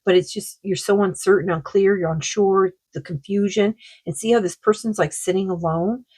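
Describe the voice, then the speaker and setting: A woman doing a tarot card reading, talking in a slow, meandering way, her throat sore. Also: mid-range voice, steady tone, a little mellow, slightly rough, low-quality recording. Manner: slow, meandering, full of likes and you-knows. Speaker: psychic card reader.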